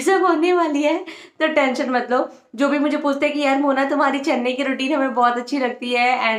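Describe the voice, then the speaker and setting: Chatty young woman with a high voice in an echoey room. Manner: chatty, mixes in English words, talks to viewers as "guys". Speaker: vlogger. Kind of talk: casual vlog chat.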